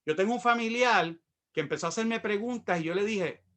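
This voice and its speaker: A middle-aged man with a Puerto Rican Spanish accent preaches a sermon drawn from his own testimony, acting out the voices of the people in his story. His voice is high, slightly bright, and a little quick.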